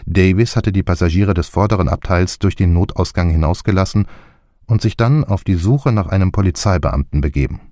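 A man reading a detective novel aloud in even, measured narration. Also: sits low, dry recording, studio quality. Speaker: audiobook narrator. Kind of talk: scripted narration.

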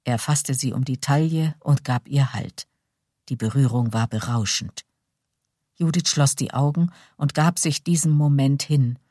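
A woman reading a novel aloud as an audiobook narrator, calm and measured. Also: rumbling low, dry recording, clean studio sound.

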